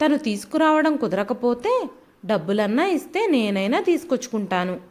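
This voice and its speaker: A woman voicing a frail elderly father-in-law who pleads softly. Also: on the high side, very animated, moderate pace. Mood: pleading. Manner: soft, pleading.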